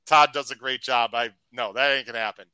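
A man hosting a live racing podcast, chatty and upbeat, reading out shout-outs to viewers. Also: medium pitch, steady tone, brisk, smooth, no echo, poor audio. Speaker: podcast host. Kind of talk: casual live-stream chat.

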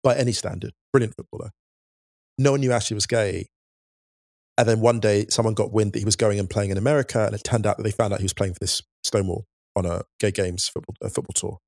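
A man's voice: on the low side, steady tone, fast talker, vocal fry, darkish tone, no echo, studio quality. A man co-hosting a football podcast, talking earnestly and reflectively in casual chat. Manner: earnest and reflective, breaking into big laughs. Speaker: podcast co-host.

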